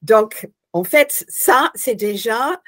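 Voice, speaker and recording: An older Australian woman, a guest hypnosis instructor, answers interview questions by laying out her teaching plans step by step. Her slightly high, somewhat bright voice is expressive and very slow, and she thinks carefully, often pausing to search for the right word.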